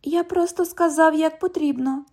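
A woman's voice: high voice, fairly even intonation, moderate pace, a little mellow, voice pushed up. A woman reading an audiobook, voicing a sarcastic, mocking twenty-year-old woman who works as a bank cashier. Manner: mocking, cheeky, parrots the other speaker.

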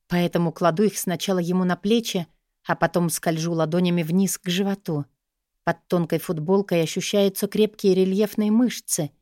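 A woman's voice: fairly low pitch, a little mellow, dry recording, studio quality. A woman reading scripted first-person romance fiction as an audiobook narrator, in an intimate, sensual way.

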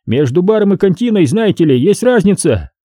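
A man's voice: sits high, very animated, brisk, mellow, no echo, studio quality, pitched above the performer's own voice. A man reading an audiobook, voicing a sardonic male police officer who keeps needling a suspect with mocking asides. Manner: mocking, teasing interjections.

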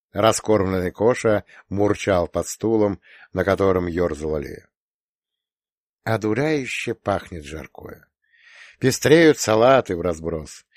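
Lively low-voiced male narrator. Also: dry recording, clean studio sound. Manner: expressive first-person storytelling. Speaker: audiobook narrator. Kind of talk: scripted narration.

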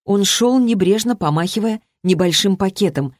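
A man narrating an audiobook in a steady, even storytelling manner. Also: high-pitched, moderate pace, no room sound, clean studio sound. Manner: steady, even storytelling with lightly voiced dialogue. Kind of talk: scripted narration.

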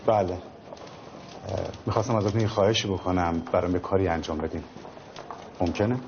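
A man's voice: low voice, a little mellow, close to an everyday voice. An actor playing a polite man begging for help with his patient's surgery, in dubbed film dialogue. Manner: polite, pleading. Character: earnest middle-aged man pleading for help. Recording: dull film soundtrack with noise.

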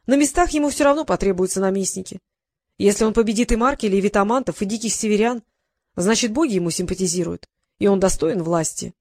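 A woman reading an audiobook, voicing a soft-spoken, gently cunning sultan in a mild, kindly manner. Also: medium pitch, quick pace, no echo, studio quality, close to an everyday voice. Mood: scheming calm.

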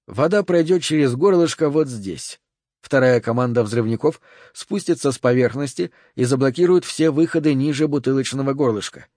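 A man reading an audiobook voices a calm, courteous and commanding male FBI agent who speaks in a measured way. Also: medium pitch, dry recording, studio quality, lightly acted.

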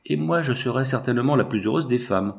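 A man's voice: medium pitch, animated, brisk, vocal fry. A man reading the lines of a haughty, proud young woman in a storybook, with a dry, curt, ironic delivery.

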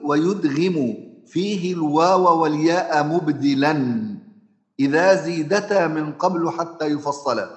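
Egyptian man teaching in an echoey room. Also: fairly high pitch. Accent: Egyptian Arabic. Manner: conversational teaching, often asks the listener questions, many drawn-out fillers. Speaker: Quran recitation teacher. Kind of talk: Egyptian Arabic lesson explaining recitation rules.

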